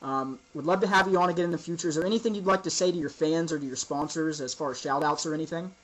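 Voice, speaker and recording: A man hosting an informal interview, asking casual questions in a halting, roundabout way. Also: fairly high pitch, fairly bright tone, rough recording.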